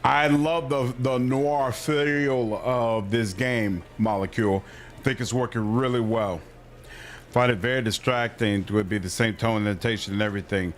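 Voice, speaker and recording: A man's voice: mid-range voice, steady tone, normal speed. A man giving casual, off-the-cuff commentary as he livestreams a game, now and then reading prompts aloud.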